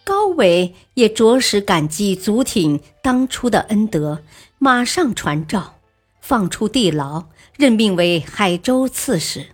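Slow husky woman telling a history story. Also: medium pitch, soft background music. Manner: measured, even storytelling. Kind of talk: scripted historical story narration.

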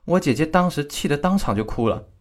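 A man's voice: a little high, animated, brisk. A man telling a true-crime story in the first person as a victim's relative, with a gossipy, indignant manner.

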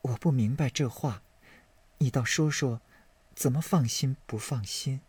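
A man voicing a frail, sharp-tongued young noblewoman in an audiobook, speaking softly with a teasing, reproachful edge. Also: medium pitch, unhurried, slightly rough, dry recording, voice pushed up. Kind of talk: audiobook character voice.

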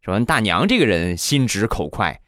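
A man hosting a comedy show, telling funny anecdotes in a chatty, animated manner and acting out the voices. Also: on the low side, normal speed, no echo, studio quality. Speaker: comedy host. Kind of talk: comic storytelling.

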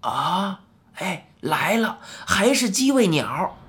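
A woman voicing a sly, evasive strange old man in a children's audiobook, dodging questions with a playful, drawn-out chuckle. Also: fairly low pitch, sing-song. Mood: evasive, teasing.

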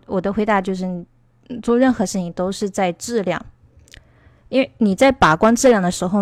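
Brief: chatty woman teacher from China, mid-pitched, dry close sound, loose explanatory talk. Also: no echo. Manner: rambling, explanatory. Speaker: English teacher. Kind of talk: casual online lesson.

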